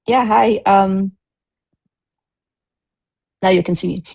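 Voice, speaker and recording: Woman, coach, video call, chatty, mid-pitched voice. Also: steady tone, slow, creaky, a little mellow. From Russia (Siberia). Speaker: independent coach and consultant.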